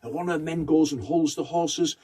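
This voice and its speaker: His voice is on the high side, husky and a little mellow, and he speaks briskly. This Romani storyteller delivers an oral folktale conversationally, building it from short phrases and rhythmic repetition.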